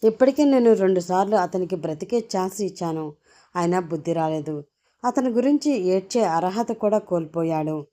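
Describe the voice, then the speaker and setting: A woman's voice: lowish voice, lively intonation, moderate pace, mellow, natural voice. A woman voicing a tough young man, a gangster hero who speaks with cold menace. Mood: stern.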